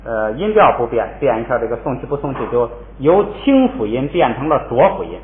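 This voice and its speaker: A man teaching a language lesson in a relaxed spoken style, explaining patiently and repeating words for students to echo. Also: mid-range voice, brisk, a little hiss or hum. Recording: echoey room over a tinny phone-like line.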